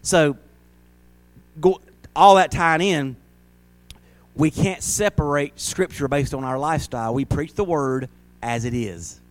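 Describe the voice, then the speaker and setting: A middle-aged man delivers a sermon as pastor. His voice sits a little high and moves between loud emphatic peaks and quiet, confiding asides, with the lively rhythm of a preacher working through scripture. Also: unhurried, long pauses, no echo.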